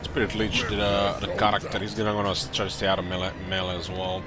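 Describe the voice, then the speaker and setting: Casual male gamer commentator, lower register, halting think-aloud delivery, clear music underneath. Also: flat delivery. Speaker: gamer commentating own play.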